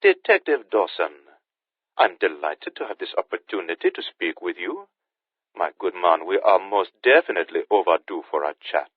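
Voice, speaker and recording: Man voicing a smooth Caribbean-accented sorcerer on a phone. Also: low-pitched, sing-song, moderate pace, dry recording, exaggerated voice. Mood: smug menace. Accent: Caribbean-tinged British. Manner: smooth, elegant, mocking. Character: suave menacing male Haitian sorcerer villain. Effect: phone line filter. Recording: tinny phone line.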